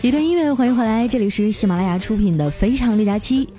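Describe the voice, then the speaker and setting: A woman podcast host telling comic stories in a lively, playful way. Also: on the high side, music in the background. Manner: lively, playful with frequent drawn-out particles. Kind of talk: comic storytelling.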